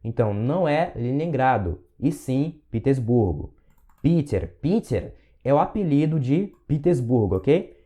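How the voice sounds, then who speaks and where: A Russian teacher gives a language lesson in a mellow, dark, medium-pitched voice with lively intonation. He patiently talks learners through each word, slowing down to repeat phrases for them to copy.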